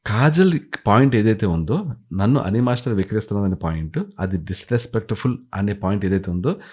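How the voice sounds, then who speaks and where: A man's voice: lowish voice, a little mellow, husky. A man giving a casual commentary review, retelling scenes animatedly and acting out the quotes. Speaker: show reviewer.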